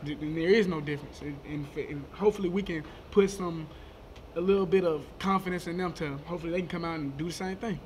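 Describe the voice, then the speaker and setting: Quick, high-voiced young man. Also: a little hiss or hum. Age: 20s. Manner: quick, animated, repeats words as he talks. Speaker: college football player. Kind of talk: post-game press conference answers. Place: press conference room, indoors. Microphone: table microphone.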